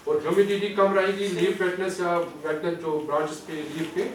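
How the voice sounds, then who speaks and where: A man's voice: high-pitched, steady tone. A man with a Kashmiri accent giving a training lecture, explaining step by step, asking questions and then answering them, slipping English terms into his speech. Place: lecture hall. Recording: echoey hall, distant mic, faint hiss.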